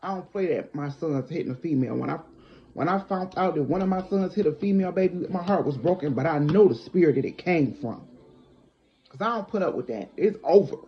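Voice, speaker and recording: A woman's voice: low-pitched, brisk. A middle-aged woman telling a personal story casually and bluntly, acting out what people said, in a dull lo-fi recording. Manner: animated, blunt, acts out quotes. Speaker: storyteller vlogger.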